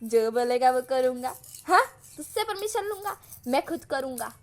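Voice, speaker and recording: A woman's voice: high-pitched, very animated, moderate pace, faint music behind. A woman voicing a brash, rude young man in a mask who boasts he will do as he likes, in a storybook reading. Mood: cocky.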